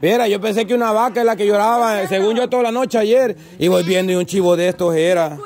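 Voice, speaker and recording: A man's voice: high voice, fast, a crowd in the background. A man with a Salvadoran accent chatting casually outdoors on a farm, coaxing the animals. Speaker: farm vlogger. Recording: voices of a group behind.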